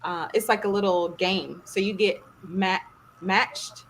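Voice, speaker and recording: A woman hosting a casual podcast livestream, lively and teasing, often laughing. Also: medium pitch, slow pace, slight background noise, rough recording. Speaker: podcast host.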